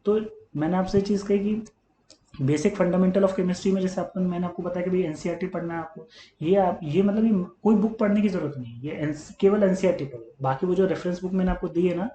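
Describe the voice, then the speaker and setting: A man's voice: high voice, brisk, mellow. A man teaching chemistry to exam students, earnest and coaxing, often calling them "beta" and repeating his points on his words. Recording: echoey room with faint hum.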